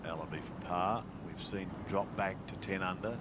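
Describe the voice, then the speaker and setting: A man with an Australian accent giving measured live golf commentary as a broadcaster calls the play. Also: deep voice. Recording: outdoor broadcast with loud ambient noise.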